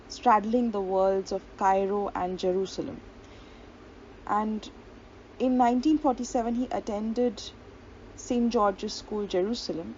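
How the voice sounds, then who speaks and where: A woman with a slightly high, warm voice gives an explanatory lecture, reading long quotations aloud and sometimes pausing on a filler or restarting a phrase. The audio is dull and lo-fi, with faint hiss.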